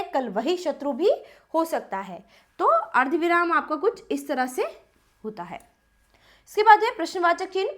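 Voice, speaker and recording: Lively high-voiced woman teaching children. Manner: explains slowly and asks the class questions. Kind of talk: textbook lesson for children.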